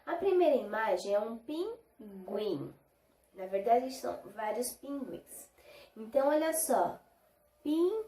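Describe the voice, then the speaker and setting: A woman's voice: on the high side, expressive, mellow, reverberant. A woman teaching a lesson to young children in Brazilian Portuguese, patiently stretching out syllables and checking in with short questions. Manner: slow, drawn-out syllables when modelling words. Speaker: primary school teacher.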